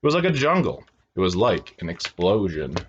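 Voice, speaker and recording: Animated low-voiced man reading a storybook. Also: a little fast, lo-fi sound, slight background noise. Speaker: children's storybook reader. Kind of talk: expressive read-aloud storytelling for young children.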